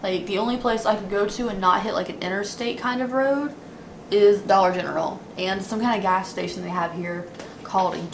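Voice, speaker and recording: 20s woman kvetching to camera, casual vlog rant, average pitch, pretty noisy room recording. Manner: kvetching, complaining at length. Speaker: beauty vlogger. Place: small dim apartment room, indoors.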